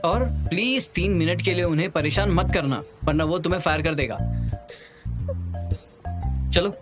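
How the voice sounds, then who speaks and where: A man's voice: fairly high pitch, moderate pace, music in the background, close to an everyday voice. A man dubbing a playful young man who teases and lectures his best friend. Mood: teasing. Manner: teasing, lively, chatty. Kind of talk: Hindi dub of a drama.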